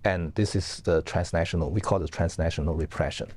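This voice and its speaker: A man from northeast China, a professor giving earnest, halting, explanatory answers as an interview guest. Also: low-pitched, fairly even intonation, darkish tone.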